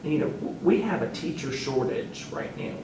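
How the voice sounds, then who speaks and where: A man who sits on a school board, answering interview questions earnestly and haltingly, with fillers, and turning emphatic. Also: on the high side, lively intonation, roomy sound, recorded from a distance, noisy background.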